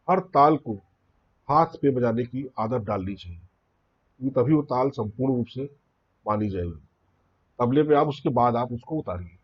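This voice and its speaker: A man's voice: mid-range voice, muffled recording. A man teaching a beginners' tabla lesson, explaining rhythm patiently and reciting drum syllables one by one. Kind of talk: spoken music lesson.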